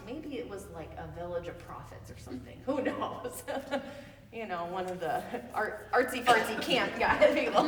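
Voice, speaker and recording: A woman leading a Bible study in a casual, chatty way, full of loose asides and quick laughs. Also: a little high, roomy sound, in a large hall, far from the mic, noisy background.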